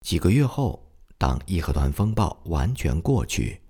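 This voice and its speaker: A man reading a historical book aloud as a steady audiobook narration with dramatic emphasis. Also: deep voice, unhurried, husky. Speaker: audiobook reader.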